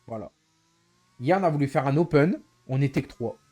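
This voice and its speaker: A man's voice: medium pitch, animated, moderate pace, darkish tone. A male streamer chatting casually to his live viewers, exasperated and explaining himself over and over.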